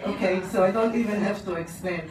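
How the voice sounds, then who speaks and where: On stage in a small dark room, a middle-aged woman from Poland with an Israeli accent tells a personal story live, gesturing animatedly as the audience laughs. Her voice is medium-pitched and she talks fast. A handheld mic on a stand and a far camera give a roomy, distant, noisy recording.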